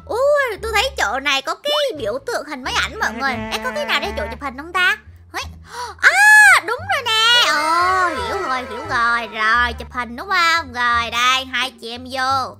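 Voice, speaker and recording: A young woman narrating a casual video game playthrough in an excited, exclamatory way, often stammering and repeating words. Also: high-pitched, quick pace. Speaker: gaming YouTuber. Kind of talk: excited let's-play narration. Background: game music.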